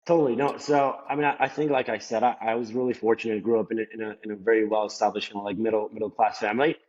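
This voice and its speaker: Speaking very fast with a flat delivery, this guest has a slightly mellow voice on the low side. He's a young native Spanish speaker from Colombia with a Colombian accent, rambling loosely through a casual podcast interview and leaning on "like" and "you know." The sound is lo-fi and slightly dull.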